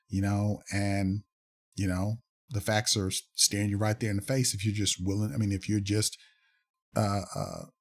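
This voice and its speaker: A man giving casual commentary on fact-check articles, reading passages aloud and pausing often with fillers and restarts. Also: fairly low pitch, a little mellow, husky. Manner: halting, many fillers and restarts, reads aloud then comments.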